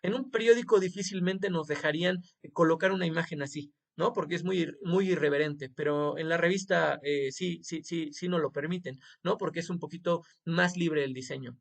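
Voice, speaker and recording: A man's voice: on the high side, brisk, creaky, hardly any pauses. A man giving a screen-recorded tutorial lesson, talking to the student informally and checking in with frequent tag questions. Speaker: teacher.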